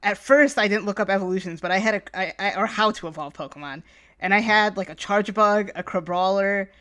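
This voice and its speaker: A woman's voice: mid-range voice, fairly quick, a bit bright. A woman hosting a podcast in casual chat, talking loosely with many fillers and easy laughter. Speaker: podcast host.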